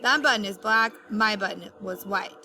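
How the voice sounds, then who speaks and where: A woman's voice: mid-range voice, moderate pace, background noise, close to an everyday voice. A woman voicing a fretful, easily exasperated male toad in a storybook, complaining as he goes. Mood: dismissive. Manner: exclaiming, complaining.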